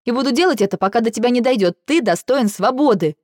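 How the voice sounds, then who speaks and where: A woman's voice: fairly high pitch, animated, fast talker, a little mellow, dry recording, studio quality, pitched above the performer's own voice. A woman voicing a spirited, impulsive young heroine in an audiobook, speaking in an emphatic, heated way. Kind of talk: audiobook character reading.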